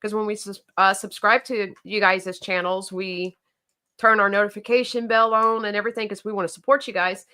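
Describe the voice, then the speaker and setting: This Southern woman, a co-host on a knife company livestream, talks a little fast in a mid-range voice with fairly even intonation and a sharp, clean tone. She chats casually about viewer comments, often restarting and using fillers.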